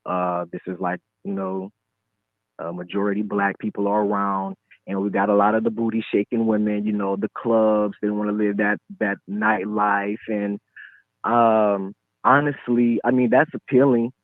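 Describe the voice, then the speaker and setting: A man in his twenties from Michigan, calling into a live show over the phone and talking in a hesitant, halting way with lots of fillers. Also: lowish voice, dry recording. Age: 20s. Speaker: caller. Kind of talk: casual call-in chat. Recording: tinny, dry phone line.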